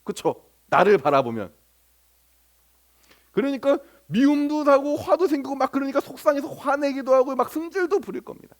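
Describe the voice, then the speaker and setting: A man's voice: very high-pitched, animated, moderate pace. A male pastor preaching a sermon. He keeps asking the congregation questions, answers them himself, and acts out little everyday scenes. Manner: acts out remarks of church members and strangers in little sketches.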